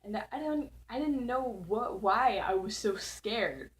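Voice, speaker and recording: A woman's voice: a little high, lively intonation, slow pace, poor audio. A teenage girl hosting her channel, casually telling a spooky story at home in a rambling way, full of "like" fillers and giggles. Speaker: channel host. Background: faint background noise.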